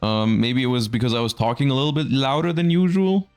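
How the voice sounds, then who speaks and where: A man's voice: medium pitch, fairly even intonation, quick pace, smooth, soft background music. A man hosting and commentating a live card game tournament in a conversational, explanatory announcer manner.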